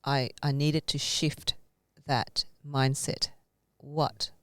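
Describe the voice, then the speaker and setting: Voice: mid-range voice, little pitch movement, drawn-out words, fairly bright tone, dry recording, clean studio sound. A podcast host asking questions in a casual interview, laughing often and searching for words.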